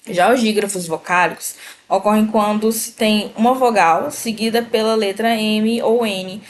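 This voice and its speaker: A woman teaching a Portuguese grammar lesson, slowly pronouncing example words and speaking directly to the viewer. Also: mid-range voice. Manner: slow, deliberate pronunciation of example words; explanatory, addresses viewer directly.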